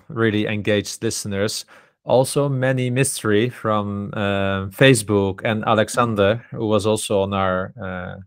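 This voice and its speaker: Male co-host, relaxed chatter full of fillers, low-ish register, dry. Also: smooth, no room sound. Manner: chatty, leans on "you know" and "I mean". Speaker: podcast co-host. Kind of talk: casual investing chat.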